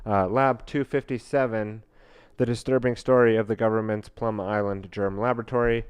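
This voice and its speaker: Male podcast host reading and commenting, smooth resonant voice, dry close sound, halting with fillers. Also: fairly low pitch, fairly even intonation, no room sound. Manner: halting, many fillers and restarts while reading.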